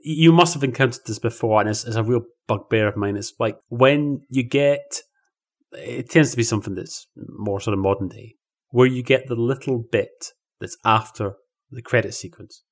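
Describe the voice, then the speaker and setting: A man's voice: medium pitch, moderate pace. A man co-hosting a film podcast, explaining plot points in a chatty, easygoing way. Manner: chatty, explanatory, laughs easily. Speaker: podcast co-host. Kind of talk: casual film review chat.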